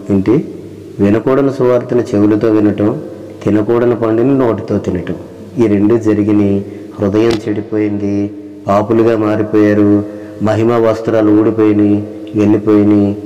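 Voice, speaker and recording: A man preaches a sermon with a low, mellow voice. He reads scripture slowly, repeats phrases and keeps asking rhetorical questions. His voice carries a long reverb. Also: dull audio.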